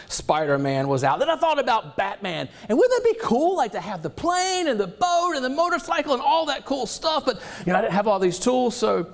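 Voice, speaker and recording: This keynote speaker has a Southern US accent and a bright, bouncing voice pitched unusually high for a man, with a gravelly edge. Energetic and animated, he jokes with the conference crowd while talking a little fast and hardly pausing.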